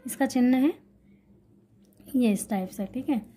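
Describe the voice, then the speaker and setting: A woman's voice: on the high side, a little slow, warm tone, faint music behind. A woman teaching an exam-prep grammar lesson, explaining while writing and repeating key points, asking questions and answering them herself.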